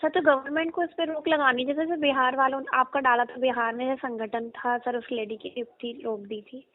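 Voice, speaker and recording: A woman's voice: high voice, steady tone, a little fast. A woman calling in on the phone, answering deferentially in short replies and addressing the host politely. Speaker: caller. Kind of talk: casual phone conversation. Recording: tinny phone line.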